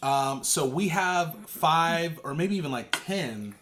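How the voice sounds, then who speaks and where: A man's voice: a little high, expressive, slow pace, fairly bright tone. A man talks casually to viewers as a vlog co-host while eating, chewing between phrases, informal and repeating himself for emphasis. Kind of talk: casual mukbang chat to viewers.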